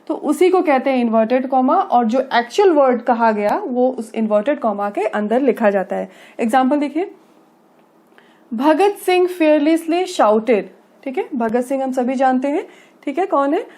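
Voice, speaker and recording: Grammar teacher, female, high-pitched voice, patient and repetitive explainer. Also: expressive, darkish tone. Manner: explains slowly, checking understanding with frequent tag phrases; reads English examples slowly and carefully. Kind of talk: classroom-style grammar lesson.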